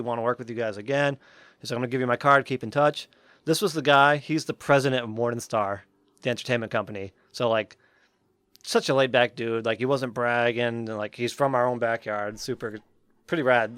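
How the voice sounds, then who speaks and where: A young man co-hosting a podcast tells a long story in a loose, rambling way, filling it with "like" and "um". His voice is smooth and resonant, and the recording is dry and close to the mic. His pitch sits in the middle for a man. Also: fairly bright tone, dry recording. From Western Massachusetts. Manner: rambling, many fillers like "like" and "um". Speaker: podcast co-host. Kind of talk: casual storytelling chat.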